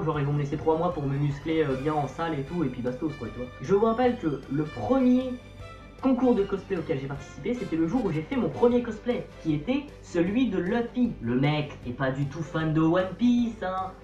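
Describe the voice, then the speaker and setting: A man's voice: a little high, animated, fairly quick, darkish tone, echoey room, lo-fi sound, soft background music. A young man in his late teens talking casually to camera, chatty and playfully self-mocking. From Portuguese-Brazilian family background. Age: young adult. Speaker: youtuber.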